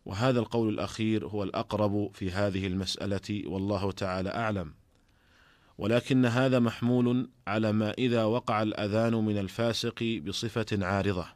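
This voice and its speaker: A man, an Islamic scholar, teaching jurisprudence in a formal radio lesson, reading in a measured, deliberate way from a studio microphone. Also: on the low side, fairly even intonation, a little mellow, dry recording.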